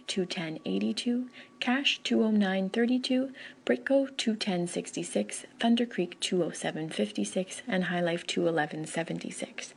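A woman's voice: fairly low pitch, creaky, slight background noise. A woman reading a scripted market report as a price reporter.

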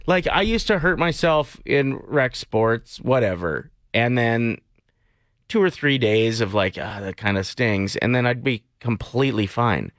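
A man's voice: medium pitch, animated, unhurried, no echo, studio quality. A man in his forties co-hosting a morning radio show, talking in an easygoing, wry way. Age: 40s. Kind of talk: casual chat.

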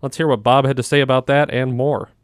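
A man's voice: medium pitch, fairly even intonation, fast, dry recording, studio quality. A man hosting a sports radio show, talking in a wordy, packed announcer delivery.

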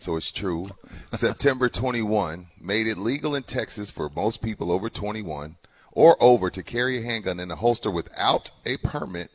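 Casting: male sports radio co-host, lowish voice, wry and dismissive, casual, repeats words as he goes. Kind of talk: casual chat, banter.

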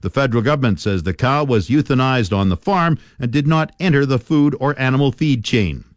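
A man's voice: mid-range voice, lively intonation, brisk, dry recording, clean studio sound. A man reading scripted farm news and market prices as a radio presenter.

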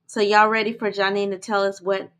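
A woman's voice: mid-range voice, flat delivery, a little fast, a bit bright. A woman co-hosting a podcast, talking chattily with listeners and calling them y'all. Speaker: podcast co-host. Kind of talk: casual podcast chat.

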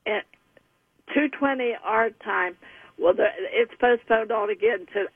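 A ninety-year-old woman, gravelly, over a phone on the radio. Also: fairly high pitch, a little slow, dry recording. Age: 90s. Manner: chatty, rambling baseball talk. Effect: phone call heard over the radio. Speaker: caller. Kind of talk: casual phone chat. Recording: tinny dry phone line.

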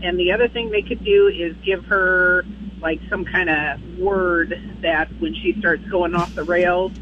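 A woman's voice: lowish voice, fairly even intonation, a little slow, a little hiss or hum. A woman calling in to a radio show, earnestly giving advice. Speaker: caller. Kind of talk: phone-in call. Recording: dull call-in line.

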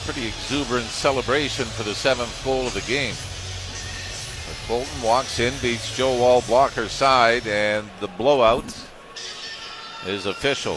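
Man giving hockey colour commentary, medium pitch. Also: moderate pace, over music. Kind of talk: live sports analysis commentary.

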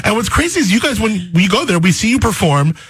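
A man's voice: high voice, very animated, fast, very noisy. A man hosting a radio show, chatting casually and easily with theater performers. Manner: chatty and easygoing, many fillers. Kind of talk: casual interview chat.

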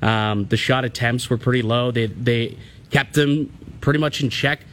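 A man's voice: mid-range voice, normal speed, fairly bright tone, slight background noise. A man co-hosting sports radio, giving casual, emphatic analysis.

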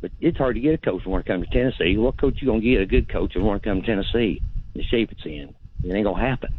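A man's voice: fairly low pitch, animated, quick pace. A man calling in to a sports radio show over a phone line, blunt and rambling in a folksy way. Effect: heard over a phone line. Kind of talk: casual call-in opinion.

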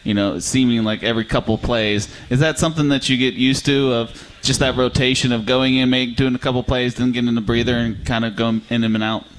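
A man's voice: mid-range voice, fairly even intonation, a little fast, hardly any pauses. A man co-hosting a sports radio interview, asking rambling, conversational questions.

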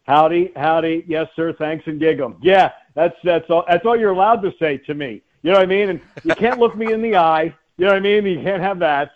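Calling in over a slightly dull lo-fi guest line, this American play-by-play man jokes around casually in a radio interview. His voice is a little high, and he speaks briskly with hardly any pauses.

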